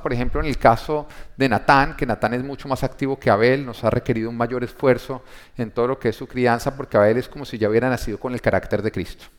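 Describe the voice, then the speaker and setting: Emphatic man preaching a sermon. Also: medium pitch. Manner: asks the congregation rhetorical questions; emphatic, swelling louder on key points. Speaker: pastor.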